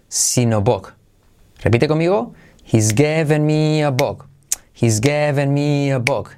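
Energetic man teaching English. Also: mid-range voice. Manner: energetic, repeats English phrases slowly for drilling. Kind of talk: YouTube language lesson.

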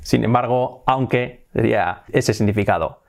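Young spanish guy teaching english, spanish accent, says examples slow and over again, normal middle pitch. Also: creaky. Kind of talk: casual video lesson.

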